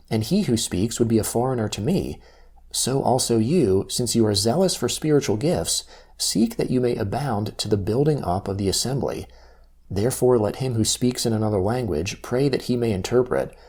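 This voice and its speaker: A man reading scripture aloud from a text in a solemn, measured recitation. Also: on the low side, a little mellow, husky. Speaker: scripture reader.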